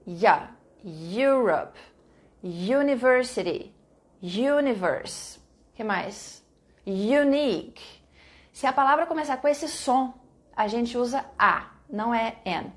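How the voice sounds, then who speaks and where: A woman teaching English to Brazilian students in a live online class. Her voice sits somewhat high, and she patiently repeats each example slowly, praising her students by name as they answer.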